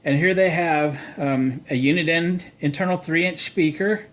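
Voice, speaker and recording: At normal speed and slightly high in pitch, an American man narrates a repair how-to video in a casual, folksy tone, thinking aloud as he demonstrates. Poor audio quality and clear background noise mark the recording.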